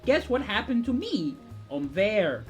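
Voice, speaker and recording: Young man, high androgynous voice, passionate, rambling, sweary, casual gaming chat, background music. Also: sing-song, a little slow, dull audio. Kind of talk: casual chat about video games.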